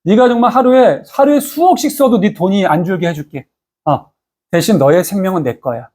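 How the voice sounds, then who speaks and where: A man's voice: high-pitched, animated, a little fast, a little mellow. A man in a sermon voicing a male devil who coaxes and bosses a listener in a casual, tempting way. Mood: coaxing. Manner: coaxing, bossy, casual.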